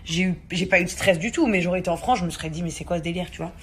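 A young woman, a mother and vlog host, casually telling a story to camera with many hesitations and animated quoted dialogue. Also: on the low side, very fast.

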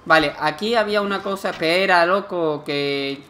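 A man's voice: sits high, normal speed, sharp tone, slight background noise. Joking man from narrating gameplay. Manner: chatty, joking, exclaims at the game. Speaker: gameplay commentator. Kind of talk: casual let's-play commentary. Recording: game music behind the voice. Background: game music.

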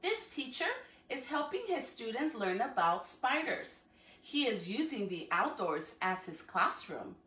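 Pitched on the high side, her voice is very animated, a little slow, and pushed and bright. As a school educator on a livestream, she reads to kids at home in her living room, encouraging them with questions. Captured by a phone or camera several feet away, the audio is echoey and far from the mic.

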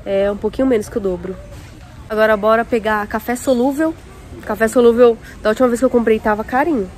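Holding her phone at arm's length, a young café-owner vlogger talks to her viewers and compares prices out loud as she shops a big indoor warehouse supermarket. Her voice is a little high and darkish in tone, at a quick pace, over the noisy store around her.

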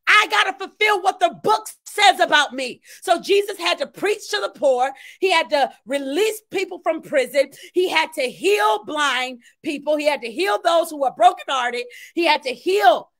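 In a small room at home, a middle-aged woman preacher delivers an impassioned sermon in a very high-pitched, bright, forceful voice. She exhorts emphatically, repeating phrases to give them weight.

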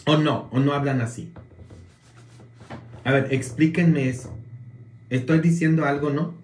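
Polish-born male priest, casual viewer talk, very slow, roomy echo, keeps tossing in "mm?" checks. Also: fairly high pitch, fairly even intonation, darkish tone. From Poland. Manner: slow, drawn-out delivery with frequent "mm?" tag questions.

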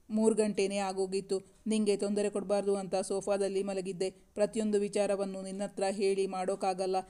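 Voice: medium pitch, mellow, clear, resonant tone, close to an everyday voice. A narrator reading the lines of a tired, guarded young man in an audiobook romance novel.

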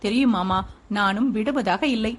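A woman's voice: medium pitch, a little slow, close to an everyday voice. A woman reading aloud, voicing a blunt, teasing young man who wants to marry. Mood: teasing, firm.

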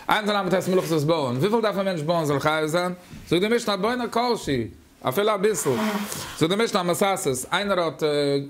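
Rabbi guy w/ yiddish accent giving a talmud class, kinda high voice, stops and restarts a lot. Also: a little hiss or hum. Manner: halting, repeats words with many fillers.

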